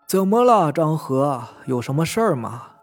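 Brief: a man playing a testy rich old master of the house, barking orders, a bit higher than his own voice, for an audio horror story. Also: big pitch swings, normal speed, faint music behind. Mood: impatient. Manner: impatient, commanding.

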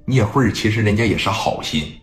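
A man's voice: lowish voice, brisk, roomy sound, soft background music. A man telling a story, putting questions to the listener. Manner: animated, asks the listener questions. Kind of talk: oral storytelling.

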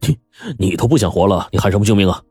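A man voicing a rough but kind-hearted middle-aged father who talks bluntly and gruffly in a told story. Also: low voice, fast, a little mellow, no room sound, studio quality, soft background music. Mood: angry.

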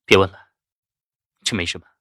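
A woman voicing a calm, gentle young male doctor who speaks softly and evenly, in a dry close recording. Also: a bass voice, brisk, no echo, voice pushed down. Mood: quietly firm. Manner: soft-spoken, mild and even.

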